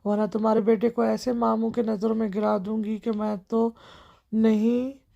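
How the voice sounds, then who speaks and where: An earnest young man explaining himself with regret, voiced by a woman narrator. The tone is dark and gravelly. The delivery stays level. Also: a little high, little pitch movement, highs cut off. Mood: remorseful. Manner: remorseful, pleading. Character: earnest young man pleading with his angry cousin.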